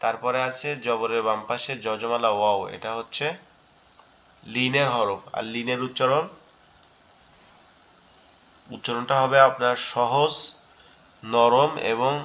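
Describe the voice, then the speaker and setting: A man teaching an online Quran reading class, drilling letters and vowel sounds one by one. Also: medium pitch. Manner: slow, drawn-out Arabic prayer recitation, then steady letter-by-letter drilling. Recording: dull lo-fi online class audio.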